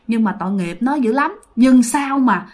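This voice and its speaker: Woman as an elderly grandmother, gentle, coaxing, lower and softer. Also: lively intonation, moderate pace, natural voice. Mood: pleading. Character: frightened, soft-hearted elderly grandmother.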